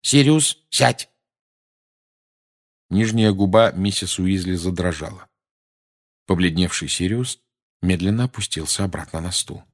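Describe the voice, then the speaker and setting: A man's voice: deep voice, normal speed. A man narrating an audiobook expressively, giving each character a voice. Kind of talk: audiobook reading.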